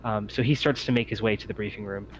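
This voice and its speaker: A game master runs a tabletop roleplaying session, his narration coming out piecemeal and halting, studded with ums. His voice is lowish with fairly even intonation, and he speaks quickly. Background noise and muffled, lo-fi sound mark the recording.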